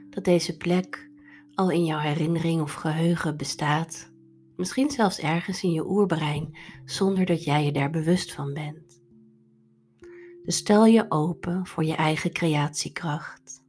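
A woman guides a meditation very slowly over soft background music. Her voice is on the low side and breathy, with a soft, soothing delivery. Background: instrumental music.

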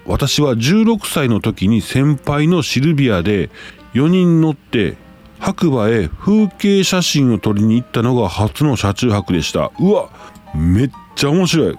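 A man's voice: lowish voice, a little mellow. A man with a Kansai accent, hosting a casual live stream, reading listener messages aloud and exclaiming often as he reacts.

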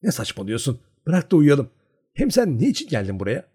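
A man's voice: medium pitch, wildly swooping pitch, normal speed, dark tone, husky, voice pushed up. A man reading aloud, voicing a shy but proud young peasant girl who answers her friend stubbornly. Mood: defensive.

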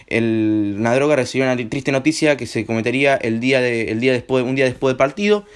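A young Argentine man with a slightly hoarse voice hosts a casual home-made radio show. He talks in a loose, rambling way, full of slang and filler words. His pitch sits at a plain middle height for a man. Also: brisk. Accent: Argentine Spanish. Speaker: host.

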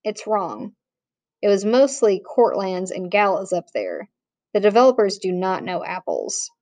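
A woman reading a novel aloud in a plain, measured way, with small restarts. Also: medium pitch, big pitch swings, a little mellow, no room sound. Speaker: audiobook narrator. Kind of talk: audiobook reading.

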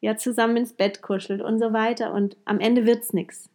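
A woman's voice: a little high, flat delivery, normal speed, darkish tone. Earnest woman coaching podcast host. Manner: earnest, tags sentences with a questioning "ja?"; retells a coaching talk with a client. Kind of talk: motivational podcast monologue.

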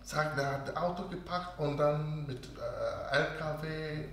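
A man who is not a native German speaker, slowly telling a personal story in broken German as an interview guest, full of pauses and quoted dialogue. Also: fairly high pitch, fairly bright tone. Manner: slow, hesitant, with many fillers and quoted dialogue. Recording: very echoey room with faint background noise.

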